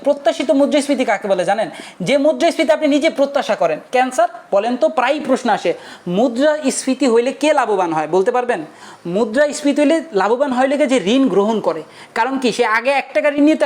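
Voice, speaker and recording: A young male teacher giving a casual online lecture, chatty and forever checking whether his students have understood. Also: extremely high pitch. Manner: chatty, keeps asking students if they understood.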